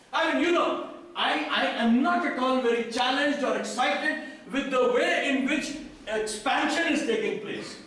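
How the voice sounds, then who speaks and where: Indian man, very high voice, conference speaker peppering the room with questions, distant mic in a booming hall. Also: fairly bright tone. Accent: Indian English. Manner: quizzes the audience, then repeats their answers. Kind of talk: interactive talk to an audience. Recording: echoey hall from a distant mic, faint noise.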